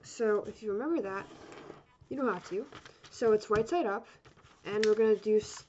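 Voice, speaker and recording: This woman, teaching an origami course, has a mid-range voice and a moderate pace. Her step-by-step craft lesson is casual and rambling, full of apologies and self-corrections. Steady noise runs under a dull, lo-fi recording.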